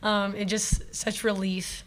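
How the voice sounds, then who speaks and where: A young woman, a college softball player, answering reporters in a lively, chatty way. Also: medium pitch, takes it slowly. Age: young adult. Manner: lively and chatty, laughing easily. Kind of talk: press conference answers. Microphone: table mic.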